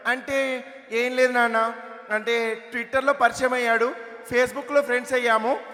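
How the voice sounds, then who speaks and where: Coy teen girl, a guy doing the voice, high and hesitant, echoey hall. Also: level tone, a little slow, sharp tone, heavily acted. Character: teenage girl telling her father about a boyfriend. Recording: echoey hall over stage PA.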